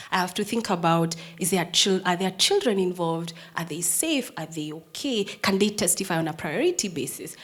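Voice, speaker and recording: A woman in her thirties, a prosecutor with a Kenyan English accent, gives a storytelling talk about her own life to an audience. Her voice is slightly rough and on the low side, strong and firm, shifting from whispered quiet to loud emphasis.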